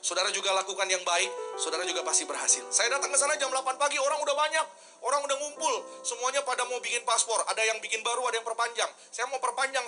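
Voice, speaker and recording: A man preaches with a high, lifted voice, turning his story into a lively scene full of acted-out dialogue. He keeps calling out to his listeners as he goes. Music plays clearly behind him. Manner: animated storytelling, acts out dialogue, addresses the congregation often. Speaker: pastor. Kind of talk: sermon.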